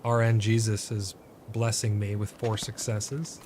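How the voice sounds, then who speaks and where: A man's voice: lowish voice, flat delivery, unhurried, background noise. A man giving casual gameplay commentary, often exasperated and swearing at his bad luck while crafting. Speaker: gameplay streamer.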